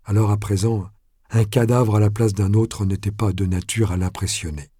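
Male novel reader, husky timbre, close dry recording, measured delivery. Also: on the low side, steady tone, warm tone, dry recording. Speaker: narrator. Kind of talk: audiobook reading.

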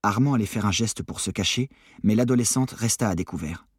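A man narrating a novel in a steady, even reading voice. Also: on the low side, a little fast, husky, dry recording, clean studio sound. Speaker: audiobook narrator.

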